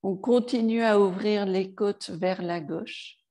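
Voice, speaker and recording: Female yoga instructor, soft counted cues, dark mellow tone, slow delivery. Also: mid-range voice. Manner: slow, calm cueing with soft counted breaths. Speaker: yoga teacher. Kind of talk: guided yoga class instruction.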